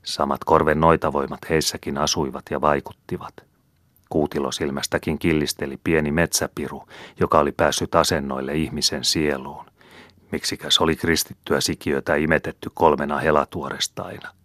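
Man reading an audiobook, extremely deep voice, dry close sound. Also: no echo. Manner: steady measured storytelling. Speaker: audiobook reader. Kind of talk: scripted narration.

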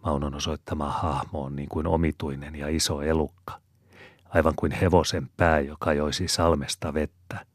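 Very deep, husky male reader. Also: level tone, dry recording, studio quality. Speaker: audiobook reader. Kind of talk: narrating a novel aloud.

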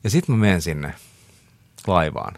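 A man's voice: low-pitched, very animated, no room sound. A middle-aged man, a talk show guest, telling stories in a chatty way with many fillers and frequent laughs. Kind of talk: casual storytelling interview.

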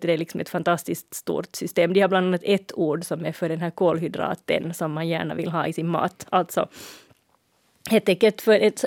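A woman's voice: on the low side, gravelly, a little mellow, no echo. Finland Swedish woman, dry close sound. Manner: laughs often, explains at length. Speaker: radio co-host. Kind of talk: casual radio chat.

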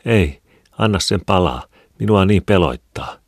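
A man voicing a frightened, feverish poor mother who speaks in hushed, fearful pleas. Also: sits low, animated, husky, dry recording, studio quality, voice pushed up, exaggerated voice.

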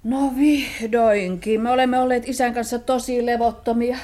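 A woman playing a busy, practical mother in a radio play, talking in a brisk, motherly way. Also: on the high side, fairly even intonation, mellow, lightly acted.

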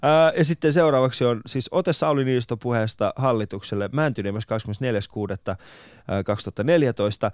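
Mies, joka juontaa keskusteluohjelmaa rennosti ja vähän takellellen. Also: male voice, medium pitch, no room sound. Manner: relaxed, hesitant with fillers, sets up games. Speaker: talk show host. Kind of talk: casual talk show chat.

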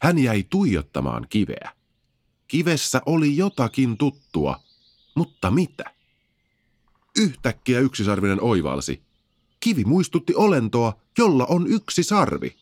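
Expressive male storybook narrator. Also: medium pitch, no room sound. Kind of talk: children's audiobook narration.

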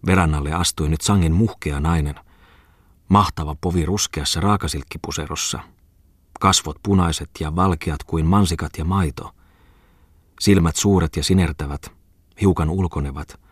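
A man reading a classic novel aloud in measured, even storytelling narration. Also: low voice, husky, no echo, clean studio sound. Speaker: audiobook reader.

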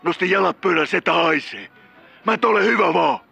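A man voicing a volatile middle-aged drug-using killer who calls a radio show, rambling and cursing, bursting into shouts. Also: high-pitched, creaky, breathy edge, muffled recording, faint music behind, voice pushed up, heavily acted. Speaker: caller.

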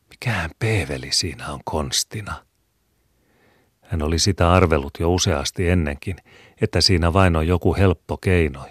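A man reads a classic story aloud in a measured, even delivery. His voice is extremely deep, and the recording is dry and close with no room sound. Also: no room sound. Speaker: narrator. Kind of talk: scripted narration of a classic story.

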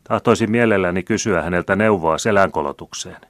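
A man's voice: sits low, dry recording, voice pushed up. A man reading aloud and voicing a courteous young man who asks questions. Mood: polite. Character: polite young man, a customer seeking advice.

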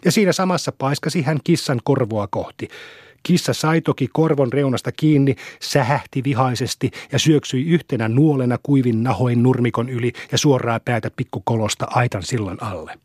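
Husky male audiobook narrator. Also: medium pitch, darkish tone, no echo, studio quality. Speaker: audiobook reader.

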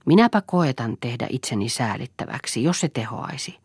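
A woman reading the part of a male doctor in an audiobook, speaking in a measured, gently ironic way. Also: a bass voice, animated, husky, dry recording, studio quality, exaggerated voice. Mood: earnest. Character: man, a doctor, gently wry and earnest. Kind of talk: audiobook character voice.

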